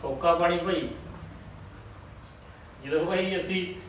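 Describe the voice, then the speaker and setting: An actor playing a greedy middle-aged village uncle who grumbles through sly jokes. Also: male voice, high-pitched, slow pace, a little hiss or hum. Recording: echoey room, distant mic.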